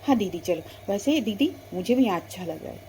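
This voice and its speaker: Note: quiet little sister doll, soft and mellow, voiced by a woman. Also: medium pitch, animated, brisk, slight background noise, voice pushed down, lightly acted. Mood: content. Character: small younger sister, sleepy.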